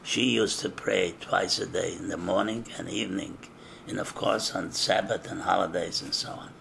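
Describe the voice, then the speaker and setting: An older man from eastern Czechoslovakia giving an oral history interview, recalling things in a slow, measured way with frequent hesitations. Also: low-pitched, fairly even intonation, vocal fry, a bit bright, slight background noise.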